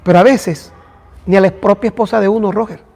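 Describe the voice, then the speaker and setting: A man's voice: sits high, fairly even intonation, brisk, gravelly, darkish tone, breathy edge, long reverb tail, soft background music. A man, a pastor teaching a church class and talking directly to listeners by name. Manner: addresses listeners by name, conversational.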